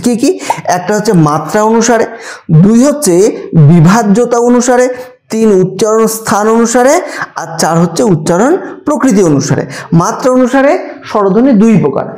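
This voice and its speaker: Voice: medium pitch, mellow. A teacher in an exam-prep grammar lesson, explaining step by step and answering their own questions.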